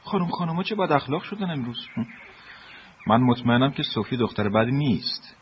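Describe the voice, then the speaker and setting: A man voicing a kind adult who gently teases two children, in a dubbed film. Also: mid-range voice, animated, close to an everyday voice. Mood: teasing. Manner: playful, gently teasing. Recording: dull lo-fi audio, faint hiss.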